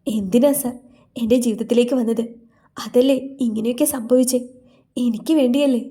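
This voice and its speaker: A woman's voice: a little high, fairly even intonation, moderate pace, warm tone, natural voice. A woman voicing a tearful young heroine.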